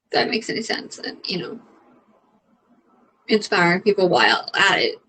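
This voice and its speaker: A woman's voice: fairly low pitch, big pitch swings, moderate pace, pushed and bright, poor audio. A young adult woman, a comedian, chatting casually as she answers questions, rambling with lots of fillers and casual swearing. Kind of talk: casual chat.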